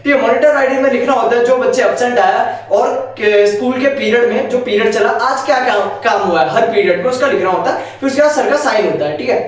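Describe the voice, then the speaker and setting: A teenage boy telling a school story to camera in a casual vlog, animated and indignant. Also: very high-pitched, fast, few pauses. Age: late teens. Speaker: vlogger, school student. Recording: echoey room, far from the mic.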